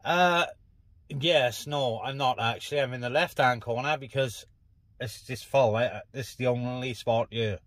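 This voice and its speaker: A British man with a medium-pitched, slightly bright voice speaks at a measured pace, chatting casually as a vlogger and CB radio operator. He's in a parked car at an open moorland car park; the sound has no echo and faint background noise.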